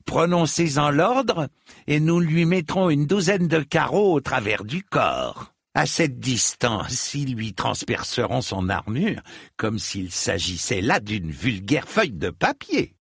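A man's voice: on the low side, big pitch swings, slow pace, vocal fry, a bit bright, slightly rough, no room sound, studio quality, exaggerated voice. A man voicing a cocky, cruel soldier who sneers as he speaks, in an audiobook reading. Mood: mocking.

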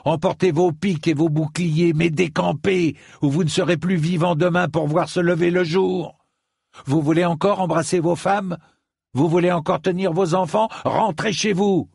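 A man's voice: lowish voice, a little slow, gravelly, husky, no room sound, clean studio sound, exaggerated voice. A man voicing a blunt, weary young knight. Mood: commanding. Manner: forceful, commanding when shouting orders. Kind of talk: scripted narration.

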